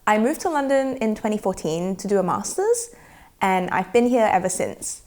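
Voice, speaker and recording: A woman, speaking softly and thoughtfully in a reflective documentary interview. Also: medium pitch, sing-song. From Australia. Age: 20s. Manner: soft-spoken and thoughtful, slowing down on feelings. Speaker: documentary subject. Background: faint background music.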